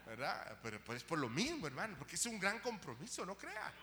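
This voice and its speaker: A middle-aged man preaching a sermon as guest pastor, moving from quiet talk to shouting and stammering at times. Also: sits high, huge pitch swings, fairly quick. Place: church hall. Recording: reverberant church hall with hum.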